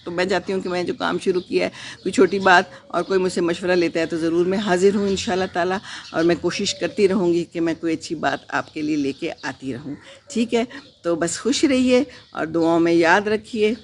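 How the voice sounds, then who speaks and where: A woman hosting a casual live stream from her garden, reading out viewer comments. She talks in a gentle, reflective, unhurried way with pauses, mixes in English phrases, and offers prayers and blessings. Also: on the low side, slight background noise. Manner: prayerful, sprinkles blessings and wishes.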